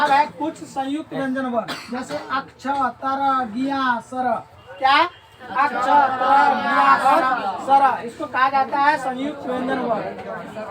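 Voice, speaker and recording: A woman teaching Hindi grammar in a classroom lecture, quizzing her students and repeating each answer back to them. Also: high voice. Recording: distant mic, class of students audible.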